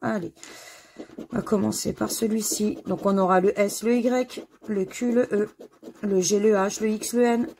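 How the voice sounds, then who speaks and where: A woman's voice: medium pitch, steady tone, unhurried, darkish tone, slight background noise. A middle-aged woman casually commenting as she scratches crossword lottery tickets at home, chatty and self-mocking, spelling out letters one by one. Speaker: scratch-card video host. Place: home corner under renovation.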